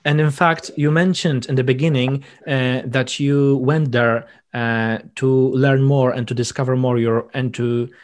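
A man interviewing a priest guest, speaking in a slow, earnest way with frequent fillers. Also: mid-range voice, fairly even intonation. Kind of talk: conversational interview. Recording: faint music in background.

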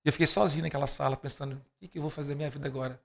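A man's voice: fairly high pitch, very fast, creaky. A Brazilian man, a podcast guest, telling anecdotes with animation and acting out the dialogue in different voices. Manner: acts out dialogue in quoted voices; lively storyteller, laughs between lines.

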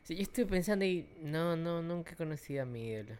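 A man, co-hosting a casual chat, teasing his partner and cutting in with quick questions. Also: a little high, animated, a little mellow, clear, resonant tone. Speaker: podcast co-host.

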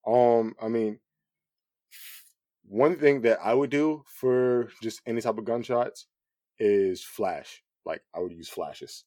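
A man, a cinematographer guest, talking in a relaxed, rambling way with lots of fillers. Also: mid-range voice, slow pace, no echo, studio quality. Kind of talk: casual podcast conversation.

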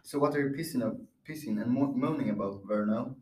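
A cocky, wisecracking boy acted by a man in an amateur drama read-through. He is hot-headed and needling, talking in slangy jabs at a middling pitch. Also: fast, a little mellow, husky, natural voice.

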